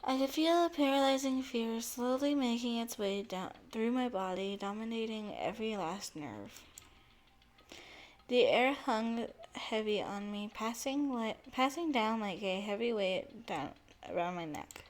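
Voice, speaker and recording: A woman's voice: a little high, lively intonation, measured pace. A young woman streamer reading a visual novel aloud, narrating dramatically with giggles and restarts.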